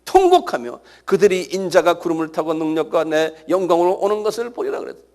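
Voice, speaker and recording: With a fairly high pitch and rapid speech, a middle-aged pastor preaches with animation. He bursts into sudden cries and calls on the congregation to respond.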